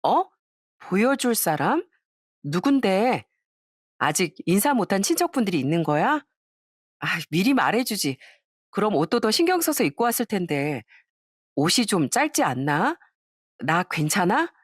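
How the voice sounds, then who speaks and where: A woman voicing a young woman caught in her lies, bright at first, then stammering and pleading. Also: mid-range voice, very animated, measured pace, long pauses, slightly rough, dry recording, clean studio sound. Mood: cheerful.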